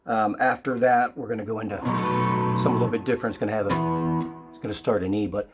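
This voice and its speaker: A man with a raspy, sick voice, giving a casual guitar lesson in a relaxed, halting way with many fillers. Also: lowish voice. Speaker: guitar teacher. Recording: loud guitar playing behind the voice.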